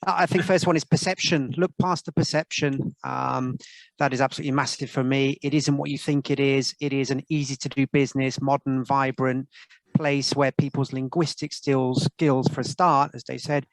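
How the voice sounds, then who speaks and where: A man's voice: medium pitch, fairly even intonation, normal speed, dry recording, low-quality recording. A man speaking on an online panel, emphatic and enthusiastic. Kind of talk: panel discussion.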